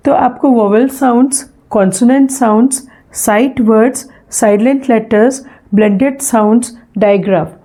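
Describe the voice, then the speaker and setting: A middle-aged woman teacher with a soft, mellow voice that sits a little high. She explains English sounds patiently in Hindi, with an Indian English accent, and says example words again slowly. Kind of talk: phonetics revision lesson.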